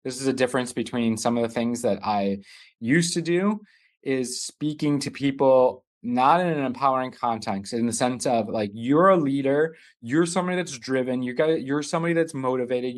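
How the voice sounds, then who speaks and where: A man leads a live online business masterclass, his pitch sitting in an ordinary middle register. He talks loosely and conversationally, often stopping to rephrase mid-sentence as he explains. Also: normal speed. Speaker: business coach hosting a masterclass. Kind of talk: live online teaching session.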